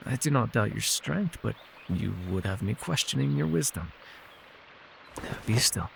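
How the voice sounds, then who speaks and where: A man voices a gentle, weary, immortal elf healer with a wry streak, speaking softly in measured, formal phrases for an intimate fantasy ASMR roleplay. His medium-pitched voice is creaky with lively intonation, and the soothing mood carries a little hiss or hum.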